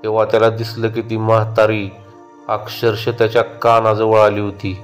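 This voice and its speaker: A man narrating a horror story in a steady, measured way. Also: fairly low pitch, faint music behind.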